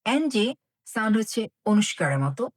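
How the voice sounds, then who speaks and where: A woman teacher giving a phonics lesson, explaining in Bengali and slowly repeating each English sound and example word. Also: mid-range voice, big pitch swings.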